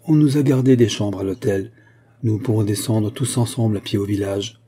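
A man's voice: fairly low pitch, normal speed, dark tone, a little hiss or hum, natural voice. Man reading as a stern young police inspector. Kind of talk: audiobook reading.

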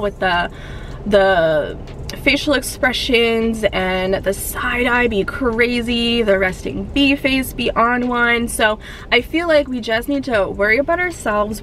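A young woman in a fitness vlog, talking bluntly and in an animated way, recorded from the dashboard of a parked car. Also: medium pitch, a little hiss or hum. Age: young adult. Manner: blunt, animated, sassy, gestures while talking. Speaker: fitness vlogger. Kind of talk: casual chatty vlog. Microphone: camera on the dashboard.

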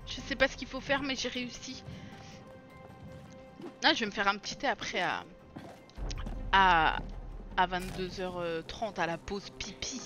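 A young woman chatting through a co-op video game session, excitable and self-mocking, often laughing and shouting at the game. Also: mid-range voice, a little slow, pauses often, soft background music. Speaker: streamer playing a co-op video game. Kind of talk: casual let's-play chatter.

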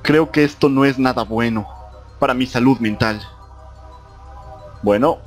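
A young man commentating a horror game, reading on-screen text aloud and jumping to high-pitched exclamations. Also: unhurried, faint music behind. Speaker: gaming YouTuber.

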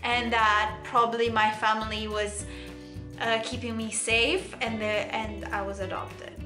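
A young woman from Cyprus with a Greek Cypriot accent, chatting casually to camera in an animated, laughing way from a bedroom. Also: on the high side, unhurried. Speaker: vlogger. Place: bedroom, indoors. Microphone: camera in front, close framing. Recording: echoey room with faint music.

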